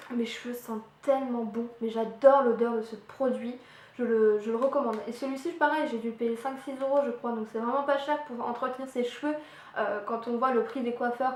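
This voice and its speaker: A woman's voice: a little high, darkish tone. Chatty young woman vlogging in an echoey room. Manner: chatty, lots of filler and little sound effects. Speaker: beauty vlogger. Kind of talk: casual product review vlog. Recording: echoey room with faint hiss.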